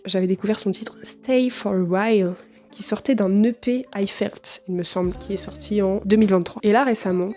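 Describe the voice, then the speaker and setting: A woman's voice: medium pitch, warm tone. A young adult woman chatting casually about songs she likes as a music vlogger, slangy and talkative, often turning to her viewers. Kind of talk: casual chat.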